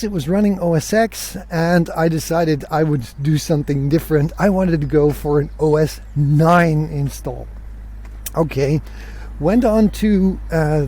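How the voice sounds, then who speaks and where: Warm in tone and somewhat high in pitch, this man's voice carries his solo podcast as he shares stories conversationally. He re-enacts the dialogue he recalls while telling them.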